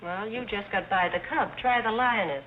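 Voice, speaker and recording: An actress playing a wry, unimpressed maid, tossing out deadpan sarcasm in 1930s screwball comedy banter. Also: female voice, medium pitch, moderate pace, close to an everyday voice. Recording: thin tinny old film soundtrack, hiss.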